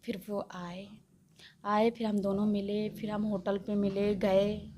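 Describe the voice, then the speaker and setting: A woman's voice: medium pitch, little pitch movement, slow pace, background noise. A woman, interviewed and recounting a personal story in a rambling way, quoting what others said. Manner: rambling, quotes others' words.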